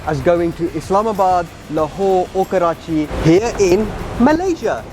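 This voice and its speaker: Hosting a travel and food vlog, a man chats casually with viewers as he moves through busy streets and shops. His voice sits high and sounds animated at a normal speed. Music plays behind him along with traffic and other urban street sounds.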